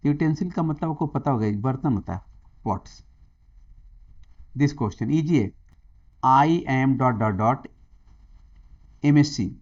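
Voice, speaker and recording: A man's voice: a little high, a little mellow. Man, Indian accent, English grammar teacher, Hindi-English mix, quizzing viewers, somewhat muffled audio. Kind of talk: exam-prep grammar lesson.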